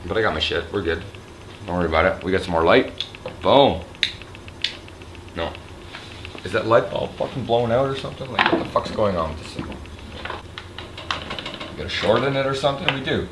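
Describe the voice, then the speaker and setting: A slightly drunk man with a raspy throat, rambling and swearing loosely in a casual vlog, filmed on a handheld camera in a resort hotel room. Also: on the low side, normal speed, pauses often, background noise. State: a little drunk. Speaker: vlogger. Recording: echoey room with faint ambience.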